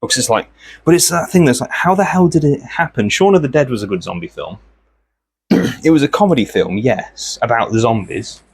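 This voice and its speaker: A man, host of an art channel, chatting casually and meandering from thought to thought while he works, often clearing his throat. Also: medium pitch, sing-song, normal speed, darkish tone.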